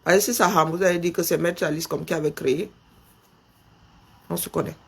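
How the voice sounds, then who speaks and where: Hosting a political live stream, a middle-aged Cameroonian French-accented man pushes his argument through rhetorical questions and calls out punctuation as he talks. His fairly high voice is steady, slightly rough, and fried, and his pace is fairly quick.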